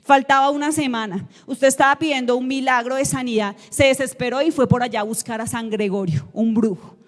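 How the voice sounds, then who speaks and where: Woman, sermon, emphatic, high-pitched, long church reverb. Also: steady tone, brisk. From Colombia. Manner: emphatic, rhetorical questions to the congregation. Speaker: guest preacher. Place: church sanctuary.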